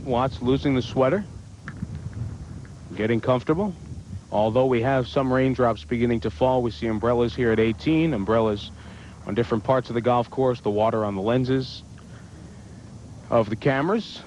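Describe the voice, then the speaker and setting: A man giving golf commentary in a medium-pitched voice. The broadcast sound is slightly dull, with clear outdoor noise behind him. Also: normal speed, pauses often, darkish tone. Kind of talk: live television golf commentary.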